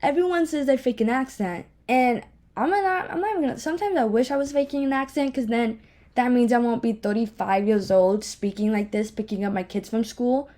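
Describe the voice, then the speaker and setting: Talking solo in her home office, this young podcast host rambles casually, candid and quick to poke fun at herself. She has a speech impediment, and her slightly high, mellow voice moves fairly quickly.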